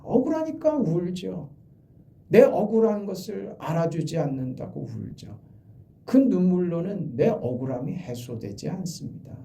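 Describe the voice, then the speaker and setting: A middle-aged male pastor giving an early-morning sermon, earnest, rising to loud emphasis and dropping to quiet trailing line endings. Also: high-pitched, gravelly. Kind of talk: dawn prayer sermon.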